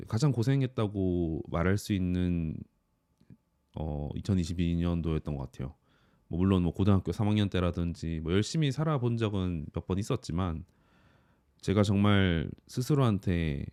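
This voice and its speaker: A thirty-year-old man, an office worker and YouTuber, reflecting on his year in an earnest, calm personal monologue. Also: sits low, dry recording, clean studio sound.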